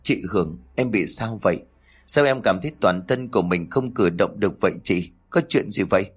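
A man's voice: lowish voice, lively intonation, normal speed. A man doing a frail, weak-voiced old mother. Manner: weak, sorrowful.

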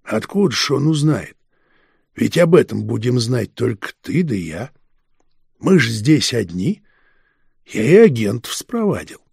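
A man voicing a sly, mocking older police detective chief, who interrogates in a slow, needling, teasing way. His voice is husky and gravelly. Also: mid-range voice, sing-song, a little mellow, no echo, clean studio sound, full character voice. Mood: pressing. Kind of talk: audiobook character reading.

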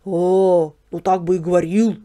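A woman's voice: on the low side, little pitch movement, unhurried, dark tone, lightly acted. Woman voicing a naive yard dog. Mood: puzzled. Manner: wondering, puzzled questions. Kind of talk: storybook character voice.

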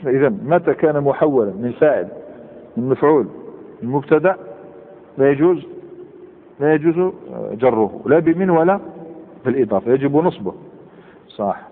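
A man teaching a grammar lesson, explaining rules, repeating examples slowly and checking that his students follow. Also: mid-range voice, lively intonation. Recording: phone-like sound in a reverberant hall.

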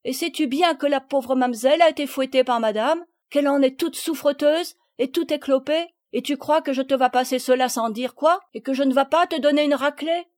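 A woman's voice: a little fast, few pauses, dry recording, clean studio sound, lightly acted. A woman putting on a blunt old peasant gardener. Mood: scolding. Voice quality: rustic country speech. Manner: loud, scolding, high-pitched.

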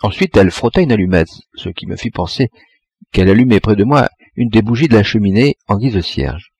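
A man reading a classic story aloud with measured, expressive narration. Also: fairly low pitch, breathy edge, no echo. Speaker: audiobook reader. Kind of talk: audiobook narration.

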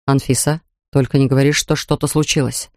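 A woman voicing a worried, gentle male dragon farmer and father. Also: a bass voice, fairly even intonation, brisk, no room sound, studio quality, voice pushed down. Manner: anxious, soft-spoken.

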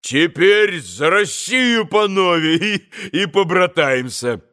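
A man voicing an excitable young drunken reveler, loud and impulsive, shouting toasts. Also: high-pitched, slow, voice pushed up, full character voice. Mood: exuberant.

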